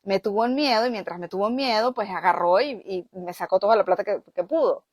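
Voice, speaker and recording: A woman, a spiritual healer telling a personal story in an animated way, often checking in with her listeners. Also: mid-range voice, fast talker, no room sound, studio quality.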